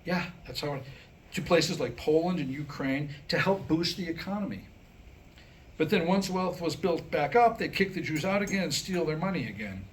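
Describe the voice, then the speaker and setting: A writer with a somewhat high male voice performs a comedic script for a small live audience whose members react audibly. Mixing comic monologue with history storytelling, he delivers the past wryly, throws out rhetorical questions, and speaks expressively at a normal pace. Slight noise sits on the recording.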